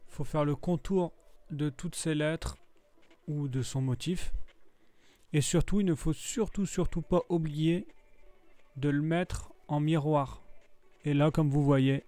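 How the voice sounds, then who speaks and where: A man narrating his craft vlog in a casual, slangy way, easily excited about his new gear. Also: a little high, slow pace, pauses often. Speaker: vlogger.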